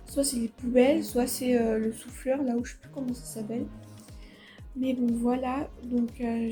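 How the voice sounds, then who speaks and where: A young woman from a casual home vlog speaks in a fairly high, soft-edged voice. Her s sounds carry a slight slushy lisp, and she talks informally and plays herself down, with faint music underneath. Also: breathy edge. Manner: informal, self-deprecating. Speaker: vlogger. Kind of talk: casual chat to camera.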